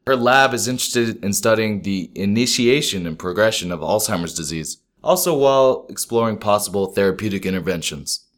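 A man's voice: lowish voice, lively intonation, brisk. A man hosting a podcast, chatting casually and explaining things informally in everyday words. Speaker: podcast host.

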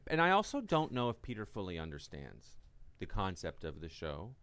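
A man chatting casually and at length in a halting, rambling way, often acting out quoted exchanges as he tells anecdotes. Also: deep voice, huge pitch swings, a bit bright, clean tone, no room sound. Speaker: podcast co-host and solo stage performer.

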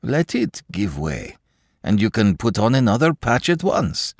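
A man voicing a timid middle-aged male clerk who pleads in halting, broken phrases. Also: lowish voice, big pitch swings, gravelly, no echo, studio quality, pitched above the performer's own voice, exaggerated voice. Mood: pleading, flustered.

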